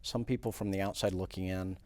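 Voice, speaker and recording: A man from Puerto Rico, a credit union president, answering questions in a studio interview in a measured way with many fillers. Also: deep voice, steady tone, darkish tone, no echo.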